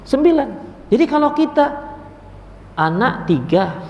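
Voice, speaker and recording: A man's voice: high-pitched, big pitch swings, a little fast, lo-fi sound. A man preaching a religious study session, telling stories and acting out family members in quoted voices. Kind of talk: sermon. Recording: echoey hall.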